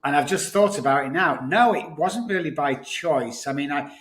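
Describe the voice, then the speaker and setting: With a high-leaning, somewhat bright voice at moderate pace, a middle-aged addiction recovery specialist from Manchester, England, guests on a podcast and answers interview questions conversationally in a Manchester English accent. The setting is a home office and recording studio, and the audio is roomy and echoey.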